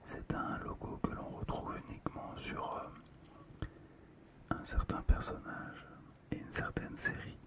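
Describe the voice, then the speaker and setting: This is an ASMR host gently whispering as collectibles are presented and discussed. The pace is slow and the voice stays hushed the entire clip.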